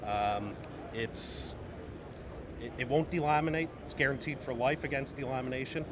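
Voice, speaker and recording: At moderate pace and mid-range pitch, a man speaks for his company in a casual trade show interview. He stresses points emphatically by repeating phrases, and the busy venue around him is noisy.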